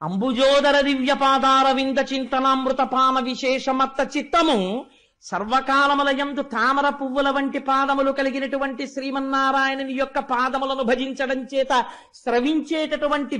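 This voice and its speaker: A man's voice: very high-pitched, sharp tone. A man voicing a devout young prince reciting verses. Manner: sings out verses.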